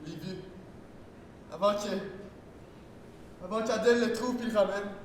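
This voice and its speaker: Un élève jouant un jeune homme hanté, hésitant. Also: male voice, high voice, distant mic. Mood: shaken. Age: teens. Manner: slow, halting confession. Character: shaken young man, haunted by a death. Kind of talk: school stage play. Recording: echoey hall, faint noise.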